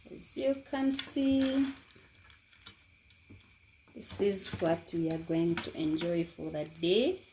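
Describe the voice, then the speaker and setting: A woman's voice: fairly low pitch, expressive, mellow, a little hiss or hum. A woman hosting a home cooking vlog, speaking in a casual, repetitive way and inviting viewers to try the dish. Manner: slow, repetitive, friendly invitations. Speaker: cooking channel host. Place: home kitchen.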